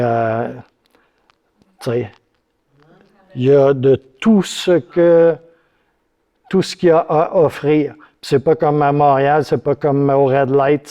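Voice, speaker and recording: Male pastor with a Quebec French accent, loose testimony-style sermon, a bit high-pitched and mellow. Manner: casual, rambling storytelling with many fillers.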